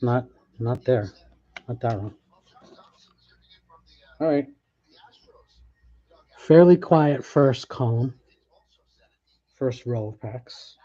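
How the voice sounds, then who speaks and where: Opening packs as a card break host, a man keeps up casual live commentary, chatting offhandedly and restarting his thoughts quickly. The recording is dull and lo-fi, like a home setup, and his voice sits mellow and mid-range.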